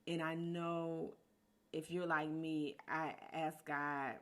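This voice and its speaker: A woman's voice: deep voice, level tone, slow pace. A woman hosting a podcast, speaking in an earnest, encouraging monologue rooted in faith, often repeating words for emphasis. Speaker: podcast host.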